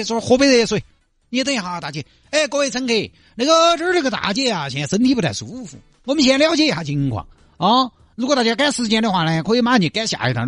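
A man's voice: sits high, a bit bright, dry recording, voice pushed up. A man voicing a kindly, fussing middle-aged bus driver with a Sichuanese accent who coaxes and chatters.

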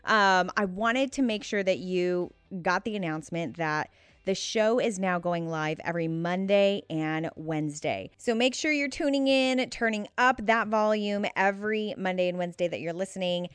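A woman's voice: mid-range voice, moderate pace, clean tone. A North American woman hosting a podcast in an informal, effusive and emphatic conversational way. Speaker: podcast host.

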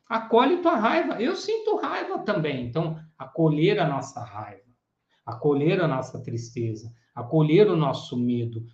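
Animated man teaching, echoey room. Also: on the high side. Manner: animated, acts out clients' and therapists' voices in quotes. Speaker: psychoanalysis teacher. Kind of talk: casual teaching talk. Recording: echoey room, dull lo-fi sound.

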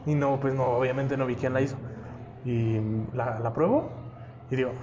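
A man's voice: medium pitch, steady tone, moderate pace. Man, Mexican accent, young adult, rambling slangy chat, muffled sound, background noise. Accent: Mexican Spanish. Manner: rambling, slangy, fills with "güey". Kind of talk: casual chat among friends.

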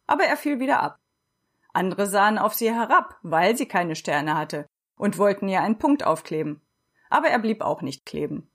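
A woman narrating a children's storybook in a steady, expressive reading voice. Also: medium pitch, normal speed. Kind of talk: storybook narration read aloud.

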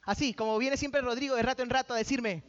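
A man preaches a lively sermon, joking with the congregation and calling out to them. The recording is dull and lo-fi. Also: extremely high pitch, fast. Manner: calls out to the audience. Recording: dull lo-fi sound.

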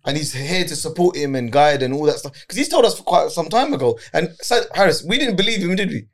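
A man in middle age speaks very quickly in a slightly high voice. He chats informally, doubling up words and phrases as he goes. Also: big pitch swings. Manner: repeats words and phrases for emphasis. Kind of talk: casual group chat.

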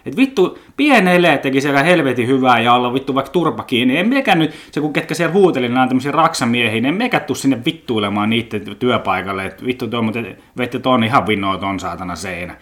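A man's voice: mid-range voice, animated, few pauses, fairly bright tone. Blunt, swearing Finnish podcast man. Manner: blunt, swears a lot, loose and joking, trips over words. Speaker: podcast host. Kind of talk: casual rambling monologue.

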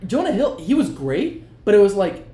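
A man's voice: high voice, very animated, moderate pace, dark tone, reverberant. A man chatting casually about movies, jokey and rambling, often restarting his sentences. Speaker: podcast co-host. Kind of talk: casual chat.

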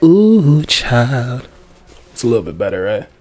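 A young man co-hosting a casual podcast chat, excitable and laughing often. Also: medium pitch, measured pace. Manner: excitable, laughing, loud outbursts. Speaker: podcast co-host.

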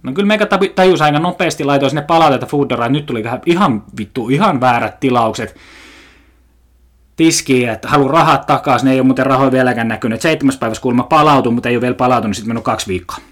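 A man's voice: mid-range voice, a bit bright. A young man talking casually on his own, ranting, swearing often and wandering from story to story. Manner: swears a lot, rambling comic rant.

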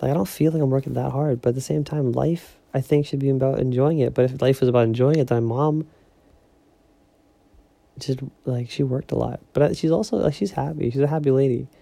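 A young man muses aloud on his solo podcast, full of "like" and "you know." His voice is gravelly and very dark, and he keeps it hushed at home at night. The sound is dry and close. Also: mid-range voice, a little fast, dry recording. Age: young adult. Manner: rambling, filler-heavy, talking softly so as not to wake others. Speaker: podcast host. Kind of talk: casual solo podcast musing.

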